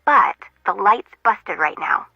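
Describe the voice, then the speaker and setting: A woman's voice: mid-range voice, expressive, takes it slowly, creaky, no echo, full character voice. A woman voicing a quirky young female harbor intern in a game, rambling and joking at her own expense, with a muffled, lo-fi sound. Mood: chatty. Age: young adult. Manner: rambling, joking, self-mocking.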